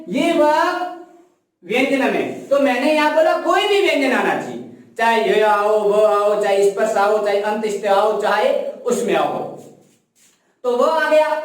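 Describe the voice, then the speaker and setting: A Sanskrit grammar teacher who explains while writing on a board, asks questions and answers them, and drills by repetition. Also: high voice. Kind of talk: classroom lesson in Hindi. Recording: very echoey room, voice far from mic.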